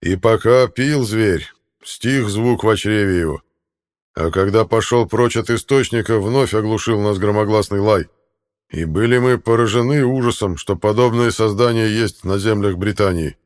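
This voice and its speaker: A man voicing a proud king who holds back his anger, speaking slowly and solemnly. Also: lowish voice, natural voice. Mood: grave, restrained fury. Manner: slow, solemn and measured. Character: angry old king hiding his fury.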